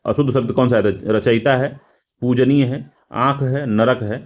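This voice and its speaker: A man's voice: mid-range voice, steady tone, normal speed, highs cut off. A male teacher going through exam practice questions, repeating words and correcting himself, with frequent fillers. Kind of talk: explaining test answers.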